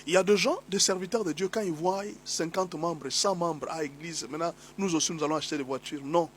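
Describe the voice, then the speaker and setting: Battling a cold, this pastor preaches at a brisk clip in a somewhat high voice with a touch of hoarseness. Repetition and mounting exhortation carry his sermon teaching, and a faint hum runs underneath.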